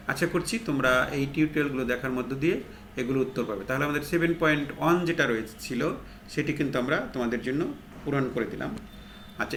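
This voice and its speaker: A man gives a tutorial lesson, stepping through each point and answering his own questions. His voice is of ordinary pitch for a man. The room sounds echoey, with a faint hum underneath. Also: a bit bright. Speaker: English teacher.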